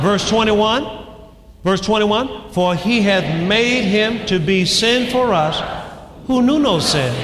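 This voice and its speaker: A man preaching a sermon, calling out to the congregation and shouting lines for emphasis. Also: high-pitched, background noise. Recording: long hall reverb, faint ambience.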